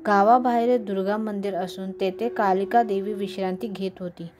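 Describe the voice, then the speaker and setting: A woman's voice: medium pitch, moderate pace. Woman reciting devotional scripture. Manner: steady, recitative. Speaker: scripture reader.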